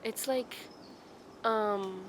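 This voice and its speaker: This twenty-something vlogger thinks out loud in a relaxed forest video, filling her reflections with "like." She speaks extremely slowly in a mid-range voice, with outdoor sounds and a crowd audible in the background.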